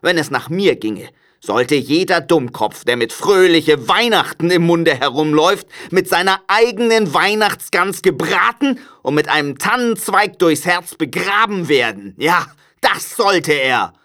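A man's voice: a little high, animated, measured pace, sharp tone, voice pushed up. A man voicing a bitter, stingy old miser in an audiobook reading, grumbling and scornful.

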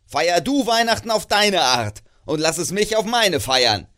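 A man reading an audiobook, voicing a grumpy, miserly old man who snaps and scoffs loudly. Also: high voice, sing-song, a little slow, voice pushed up, full character voice. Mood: scornful rant. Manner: loud, snapping and contemptuous.

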